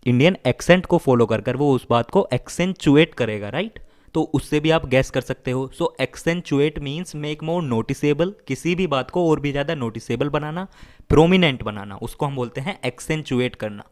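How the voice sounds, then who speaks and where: A male teacher walking learners through word roots, mixing two languages. He restates every meaning several times and checks in with a quick "right?". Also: mid-range voice, expressive, darkish tone. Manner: explains slowly, repeats meanings, asks "right?". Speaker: vocabulary teacher. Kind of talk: bilingual vocabulary lesson.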